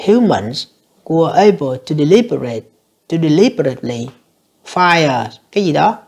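A woman teacher, going through an English exam answer by answer and reading the English lines slowly. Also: low voice, vocal fry, darkish tone, breathy edge. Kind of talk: exam review lesson.

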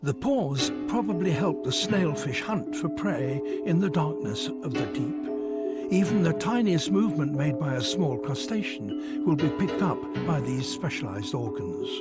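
Higher-pitched man narrating a nature documentary. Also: animated, measured pace. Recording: music behind the voice. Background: background music.

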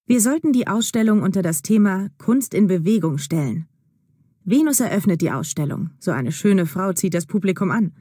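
A woman playing an evasive, smooth-talking man. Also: medium pitch, animated, normal speed, warm tone, no echo, studio quality. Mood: persuasive. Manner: evasive, then upbeat and persuasive. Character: evasive, smooth-talking male gallery manager. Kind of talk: acted dialogue in a learner audio drama.

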